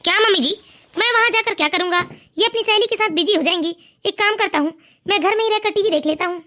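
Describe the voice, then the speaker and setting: A smug, sleazy son-in-law in a cartoon, voiced by a woman. He talks quickly in a very high voice and mocks others with open scorn. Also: sharp tone. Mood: casual. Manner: smug, mocking. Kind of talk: cartoon voice acting.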